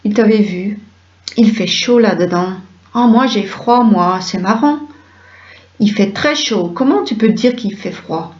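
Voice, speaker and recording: A woman reading a stage play aloud and voicing all the roles, moving briskly through quick back-and-forth dialogue. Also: medium pitch, a little mellow. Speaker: reader of a play script. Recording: dull lo-fi recording.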